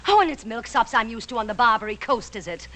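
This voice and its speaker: An actress playing a feisty, proud and warm-hearted Irish frontier woman in a TV western, with outspoken, lilting, folksy speech. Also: fairly high pitch, animated, fast. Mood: defiant. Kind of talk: 1960s TV western acting.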